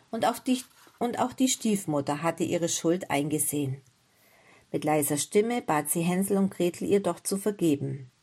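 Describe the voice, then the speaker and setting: A woman reading a fairy tale aloud as storyteller, in a gentle, measured way. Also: lowish voice, breathy edge.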